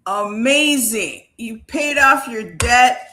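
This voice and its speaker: A woman's voice: fairly high pitch, slow pace, pushed and bright, faint music behind. A woman from Haiti hosting a live video chat as a wealth coach, talking in an upbeat, emphatic way.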